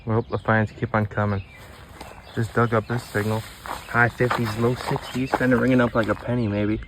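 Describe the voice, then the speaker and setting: Outdoors on a torn-out street, a man casually narrates his metal detecting finds to viewers, breaking into wonderstruck exclamations. His voice sits at a medium pitch with a flat delivery and a moderate pace. The recording is noisy, full of ambient outdoor sounds.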